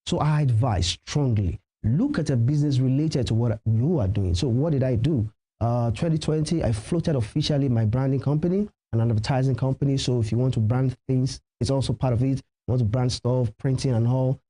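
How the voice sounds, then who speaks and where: Speaking a little fast and with few pauses, a Nigerian event host and MC whose first language is Yoruba gives emphatic advice as a TV interview guest. His warm, mid-range voice returns again and again to key phrases in the conversational exchange.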